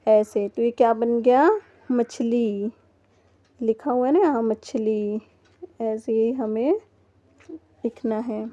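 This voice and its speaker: A woman's voice: fairly high pitch, slow pace, pauses often, dark tone. A woman teaching a first-grade textbook lesson to young children, patiently sounding out words letter by letter. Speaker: primary school teacher. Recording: dull lo-fi recording.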